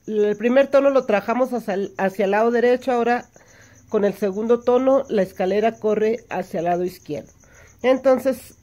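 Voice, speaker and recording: A woman gives a calm, step-by-step hand embroidery lesson. She counts each stitch aloud and pauses to check that her listeners are following. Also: medium pitch. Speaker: embroidery teacher. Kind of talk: step-by-step craft tutorial.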